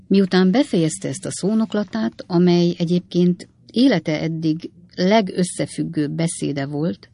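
Woman narrator for an audiobook: low voice, dry and close. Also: gravelly, warm tone, dry recording. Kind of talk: scripted narration.

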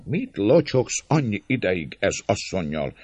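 A man voicing a coarse, impatient man in an angry mob, with rough, barking shouts in an audiobook. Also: fairly low pitch, big pitch swings, no echo, pitched above the performer's own voice. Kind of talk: audiobook character voice.

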